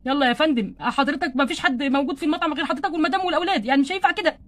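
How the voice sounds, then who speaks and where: A polite, formal male waiter from a doll play, voiced by a woman, with an Egyptian accent. He is courteous but impatient. He speaks at a very quick pace in a high register. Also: a bit bright. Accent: Egyptian Arabic.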